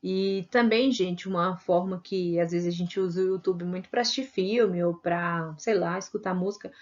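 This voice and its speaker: A woman's voice: fairly low pitch, normal speed. A Brazilian woman teacher giving an online video lesson, chatty and constantly adding "né?" to check in with her students. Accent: Brazilian Portuguese. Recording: dull lo-fi recording.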